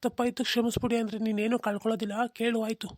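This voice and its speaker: A woman voicing a flat, weary cartoon son. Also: a little high, racing, dry recording, clean studio sound, natural voice. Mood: placating. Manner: flat, placating, mildly scolding. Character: grown son, weary peacemaker husband. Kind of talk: comic cartoon dub.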